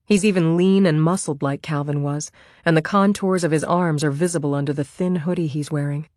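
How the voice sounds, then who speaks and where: A thriller audiobook is narrated from a script by a woman whose voice is notably low, her delivery calm and measured. The sound is dry and close-miked, with no trace of the room.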